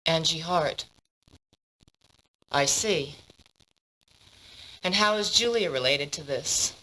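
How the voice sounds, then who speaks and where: An actress voicing a poised, businesslike female modeling agency boss in dubbed game dialogue, smooth and guarded. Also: sits low, expressive, slow, bright, forceful tone, exaggerated voice, low-quality recording. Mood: composed.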